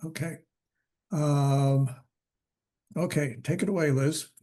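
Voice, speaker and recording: A man chairs a public commission meeting over a video call, his voice mellow and low in brightness but pitched a little high. He talks in a halting way, stopping on fillers, and his voice is going. He runs motions and roll calls in a plain, procedural way. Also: steady tone. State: losing his voice.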